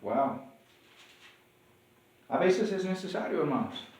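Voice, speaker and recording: A male pastor with a Mexican accent preaches with lively, animated delivery and a slightly high voice. He acts out back-and-forth exchanges as he talks. His voice comes from a distance in an echoey church hall. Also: slow. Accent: Mexican Spanish. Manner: animated, acts out dialogues with rising pitch. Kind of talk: sermon. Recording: echoey room, voice from far off.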